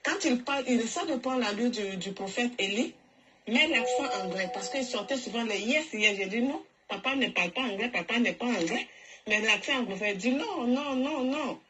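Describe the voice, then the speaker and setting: A woman's voice: fairly high pitch, lively intonation, moderate pace, fairly bright tone, a little hiss or hum, rough recording. A woman calling into a live show, speaking earnestly and gratefully in long, rambling sentences. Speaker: caller. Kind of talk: phone call to a live show.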